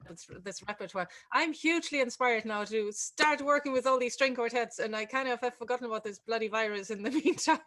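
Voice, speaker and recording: A woman's voice: a little high, fairly quick, few pauses, fairly bright tone. Woman, webinar host, casual chat, video call, frequent fillers. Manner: chatty, many fillers and restarts. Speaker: webinar host and music tutor. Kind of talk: casual online webinar talk.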